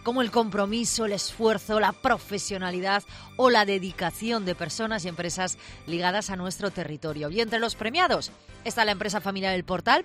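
A woman's voice: mid-range voice, a bit bright. A woman hosting a radio interview, often repeating words as she searches for her phrasing. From Aragón. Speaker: radio host.

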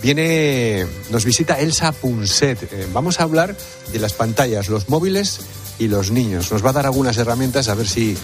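A man's voice: medium pitch, expressive, normal speed. Casual male radio host over music. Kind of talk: casual spoken show teaser. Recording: music behind studio voice.

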